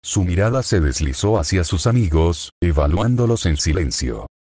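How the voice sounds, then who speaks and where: A man narrates a fanfic in a steady, scripted read. His voice is very low and deep. The sound is dry and close, with no room echo. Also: normal speed, slightly rough.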